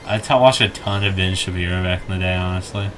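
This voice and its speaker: A man's voice: sits low, fast talker, a bit bright, slight background noise. A young man chatting casually while ranking game tracks, rambling with lots of restarts and jokey asides. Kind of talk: casual gaming chat.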